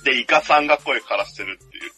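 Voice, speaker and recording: A man's voice: mid-range voice, fast, pushed and bright. A man in a casual podcast chat over a video call, telling stories eagerly with jokey asides. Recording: video call with music behind.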